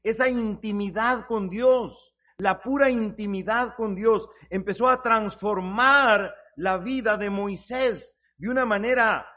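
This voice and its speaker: A man's voice: high-pitched, slow, bright, forceful tone. A man preaching a sermon, earnestly addressing the listener as brother and rising to fervent emphasis on scripture. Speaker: pastor.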